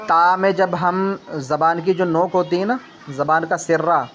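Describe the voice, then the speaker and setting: A man's voice: fairly high pitch, fairly even intonation, fairly bright tone, slight background noise. A patient man teaching letter sounds. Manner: explains slowly, repeats each letter sound for the learner; leans on the filler tag "na" while explaining. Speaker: Quran reading teacher. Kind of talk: patient tajweed lesson.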